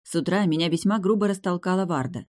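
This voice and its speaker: A woman narrating a fantasy audiobook in a low, mellow voice. She reads in a steady, wry storytelling manner, with a relaxed and warm tone throughout. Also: fast talker. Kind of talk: first-person fantasy novel reading.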